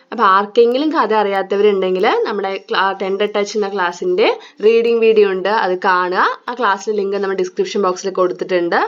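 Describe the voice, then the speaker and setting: A woman teacher with a Malayali accent explains a textbook lesson, asking questions and answering them herself. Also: a little high. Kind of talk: online tutorial explaining a textbook. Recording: dull lo-fi recording.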